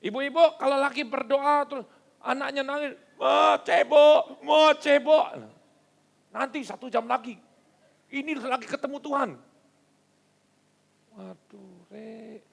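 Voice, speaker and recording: A male pastor preaching a sermon, animated and storytelling, with rhetorical questions to the congregation. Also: very high-pitched, measured pace, vocal fry, pauses often.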